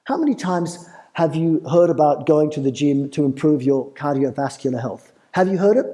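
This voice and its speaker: A man's voice: on the high side, expressive, moderate pace, mellow, rough recording. An Australian man giving a playful live talk at a festival, putting questions to the audience. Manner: engaging, asks the crowd questions, playful. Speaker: festival presenter.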